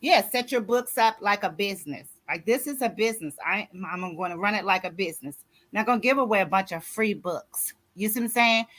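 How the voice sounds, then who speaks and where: A woman's voice: mid-range voice, brisk, hardly any pauses, fairly bright tone. A woman in her sixties, an author and grief coach, giving a motivational talk in a preachy way and often asking "you see what I'm saying?". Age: 60s.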